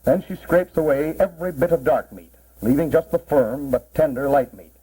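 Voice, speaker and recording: A man's voice: a little high, moderate pace, mellow, husky. A man narrating a 1940s promotional film as a cannery guide, in a plain, instructive mid-century style. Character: cannery man proudly explaining the packing process. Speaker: narrator explaining a cannery tour. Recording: muffled, worn 1940s film soundtrack.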